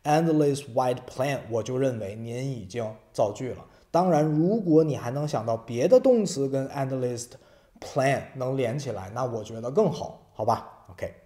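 A man's voice: mid-range voice, expressive, normal speed, warm tone. A man teaching an English vocabulary lesson in Mandarin. He explains step by step, reads English example sentences aloud, and keeps checking with tag questions.

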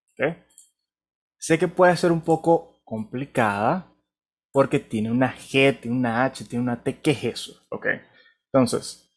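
A male teacher with a Venezuelan Spanish accent runs an online English class over a video call. He speaks slowly and patiently, with a gravelly, husky voice. He keeps checking in with his students. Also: medium pitch. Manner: patient, encouraging, often checks with "ok?". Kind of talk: online class, explaining pronunciation.

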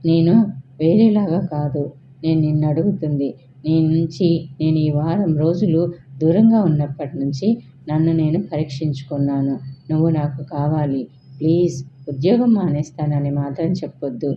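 A woman's voice: sits low, normal speed, lightly acted. A woman voicing a young male boss who pleads with the woman he loves, in an urgent, pleading manner. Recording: dull, faintly hissy recording.

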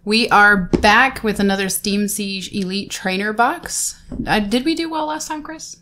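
Opening trading card packs, a woman names each card as it appears, chatting and laughing lightly throughout. She speaks a little slowly in a mid-range voice with a sharp tone.

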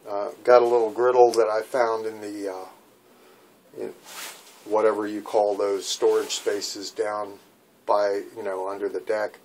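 A man's voice: fairly low pitch, darkish tone. Older man rambling on a phone vlog. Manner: rambling, many fillers. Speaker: vlogger. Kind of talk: casual vlog. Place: small boat cabin, indoors. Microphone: phone camera at arm's length.

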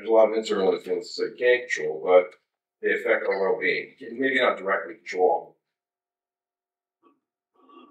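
A man's voice: deep voice, moderate pace, long pauses, a little hiss or hum. A man in his fifties giving a conversational conference keynote, with wry asides to the audience. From United States. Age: 50s. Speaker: keynote speaker. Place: large darkened conference hall. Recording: roomy hall sound from a distance.

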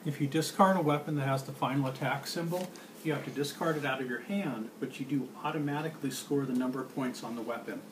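This middle-aged man talks fast in a mid-range voice, laying out card game rules while he plays as a board game demonstrator. The noisy amateur recording comes from a handheld camera across the table in a small room.

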